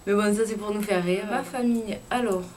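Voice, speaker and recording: A young woman with a southwest French accent from Lot-et-Garonne, chatting casually and frankly to her camera with lots of filler pauses. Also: medium pitch, steady tone, darkish tone, slight background noise. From Lot-et-Garonne, southwest France. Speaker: YouTuber. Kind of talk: casual chat vlog.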